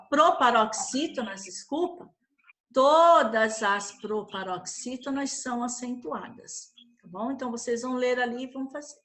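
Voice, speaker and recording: Bright, high-voiced Brazilian woman teacher. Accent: Brazilian Portuguese. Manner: patient, uses diminutives and checks with "tá?". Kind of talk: online class explaining worksheet.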